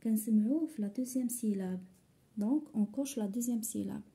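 A woman's voice: on the high side, brisk, warm tone, slightly rough. A woman with a Moroccan accent teaching a French phonics lesson to young pupils, explaining in Moroccan Arabic and repeating each word twice. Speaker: primary school teacher.

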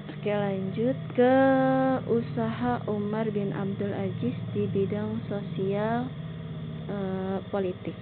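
A woman teacher giving a recorded slideshow lesson, explaining slowly and often pausing on filler words. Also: mid-range voice. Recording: tinny phone-like sound with faint noise.

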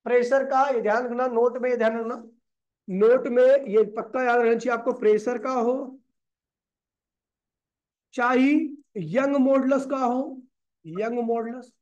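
A man's voice: very high voice, fairly even intonation, measured pace, long pauses, darkish tone, muffled recording. A man teaching physics in a classroom lecture. He asks the class questions and answers them himself, calling the students brother and kid.

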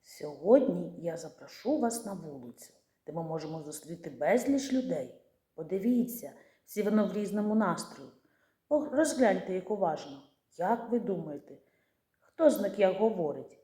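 Gentle woman teacher in an echoey room. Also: fairly low pitch, expressive, normal speed. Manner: gentle, patient, asks children questions then answers. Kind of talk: scripted lesson for young children.

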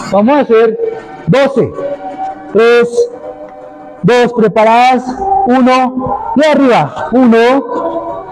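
A very high-voiced man works as a barking gym coach, calling out counts and short urgent orders. His delivery is slow and spaced out but energetic, with clear music playing behind him in an indoor gym. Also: low-quality recording. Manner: energetic, exerting while exercising. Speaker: fitness instructor. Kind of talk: live group workout coaching, counting repetitions. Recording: loud music under the voice. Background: workout music.

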